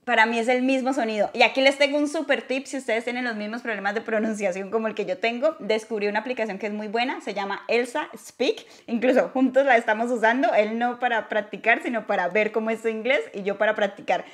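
A woman's voice: on the high side, steady tone, quick pace, few pauses. Colombian woman, casual vlog host, chatty, laughs at her own mistakes. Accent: Colombian Spanish. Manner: chatty, self-deprecating. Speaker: vlogger. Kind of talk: casual chat.

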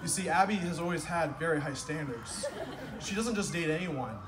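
A man's voice: a little high, moderate pace, crowd noise. Man giving a wry best-man toast outdoors. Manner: wry, self-deprecating storytelling, builds to punchlines. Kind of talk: humorous wedding speech. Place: outdoor garden wedding reception at night. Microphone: far camera across the lawn. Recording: distant phone video with ambient noise.

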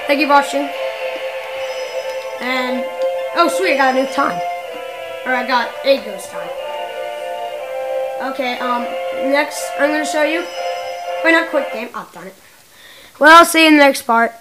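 Her high-pitched voice runs through a casual, wandering commentary on her gameplay video, with plenty of false starts and self-corrections. Video game music plays loudly and the recording quality is low.

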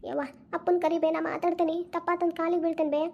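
A remorseful young woman from a homespun cartoon pleads and whimpers with a North Karnataka accent, voiced by a woman. Her voice is high and quick, thick with tearful begging. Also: little pitch movement, a little mellow, lo-fi sound. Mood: pleading. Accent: North Karnataka Kannada. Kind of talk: cartoon voice acting.

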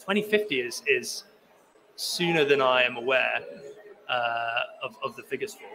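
A young sea ice scientist gives a conference talk and fields questions from the podium, restarting often and filling gaps with fillers. His mid-range voice moves at a normal speed over a noisy background. He's indoors in a conference pavilion hall, picked up by the podium microphone.

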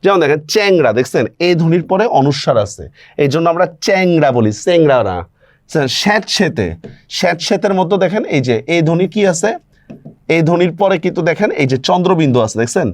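A man's voice: on the high side, lively intonation, fast, dry recording, studio quality. A male teacher giving an online grammar lecture, explaining step by step and checking in with rhetorical questions.

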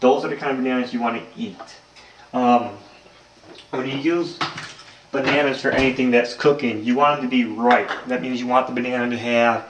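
Medium-pitched and fairly even in intonation, a young home cooking vlogger speaks at a normal speed as he casually demonstrates a recipe in his kitchen. He rambles with plenty of ums; the handheld camera mic picks up an echoey room and faint noise.

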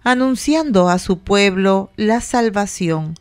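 Female prayer reader, medium pitch, slow and solemn, reciting liturgy in measured phrases. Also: animated, clear, resonant tone. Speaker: prayer reader giving responses.

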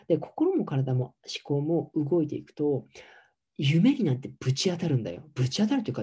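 Campy, husky-voiced middle-aged man. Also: fairly high pitch, warm tone. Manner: campy, chatty, teasing; reads viewer comments aloud. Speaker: yoga teacher and physiotherapist. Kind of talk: casual livestream talk.

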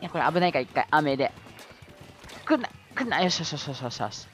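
A man giving live commentary over his own gameplay, excitable, yelling at tense moments and adding self-mocking asides. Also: on the high side, fast talker, faint music behind.

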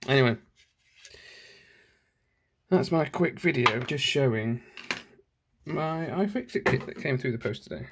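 Animated yet measured, this channel host speaks in a gravelly mid-range voice with long pauses, and the recording is very noisy. He casually narrates an unboxing at home, thinking aloud and correcting himself, phone camera in one hand.

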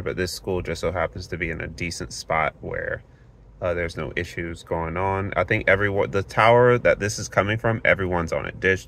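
Parked in his car, a man from Florida casually runs network speed tests and reads the results from his screen, keeping his explanations plain. His low-pitched voice is fairly bright, and the handheld phone recording carries a little hiss or hum.

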